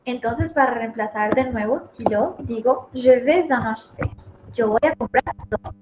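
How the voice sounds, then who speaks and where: A woman's voice: on the high side, a little slow, music in the background. A woman teaching a French lesson in Spanish, explaining each example step by step and repeating it. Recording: echoey room, dull lo-fi audio, noisy.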